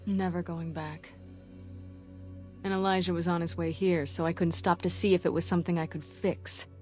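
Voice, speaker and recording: An actress playing a hardened, grim operative with a sore throat, speaking tersely in video game dialogue. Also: female voice, lowish voice, steady tone, normal speed, darkish tone, faint music behind, natural voice. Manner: terse, clipped, matter-of-fact.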